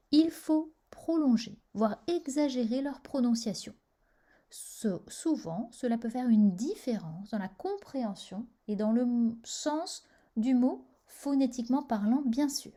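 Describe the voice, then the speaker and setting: Woman doing a slow careful pronunciation lesson, kinda high voice. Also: lively intonation, dark tone. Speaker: language teacher. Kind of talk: scripted language lesson.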